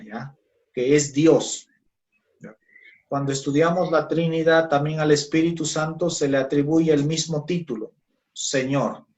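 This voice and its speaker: A man's voice: a little high, darkish tone. A man teaching a Bible class on Christology, who keeps checking in with his students by asking "¿ya?" and "¿no?". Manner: slow, checks in with "¿ya?" and "¿no?".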